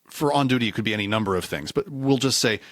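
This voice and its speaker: A reliability engineer appears as a guest on a technical podcast for a casual conversational interview, and he talks fast in a mid-range, fairly bright voice. He wanders discursively, corrects himself and sometimes acts out quotes, in a studio-quality recording with no room sound.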